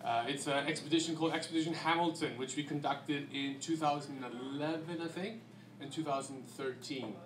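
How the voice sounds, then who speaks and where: An Icelandic man in his thirties talks an audience through his slides in a relaxed, chatty way, with lots of fillers. His voice sits a little high. A handheld mic carries it through a dim, echoing event room with faint background noise. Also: fairly quick. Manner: relaxed, conversational with frequent fillers. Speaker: guest presenter. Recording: echoey room.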